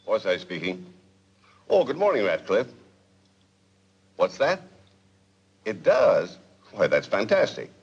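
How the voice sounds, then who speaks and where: An actor playing a formal, brisk school board official speaking by phone in a 1940s film. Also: male voice, on the low side, huge pitch swings, creaky, husky, full character voice. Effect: phone line. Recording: dull old film audio.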